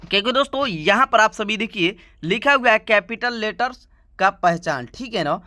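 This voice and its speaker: Casting: male online tutor with a high-pitched voice, chatty and repetitive, reciting letters slowly. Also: animated, pushed and bright. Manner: chatty, keeps adding "right?" checks. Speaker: online English teacher. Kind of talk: YouTube lesson, reciting the alphabet.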